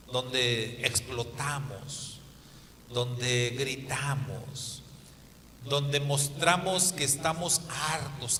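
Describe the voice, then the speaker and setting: A man's voice: medium pitch, bright, forceful tone. A man preaching a sermon, emphatic and asking the congregation rhetorical questions. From Mexico. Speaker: pastor. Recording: echoey hall with long reverb.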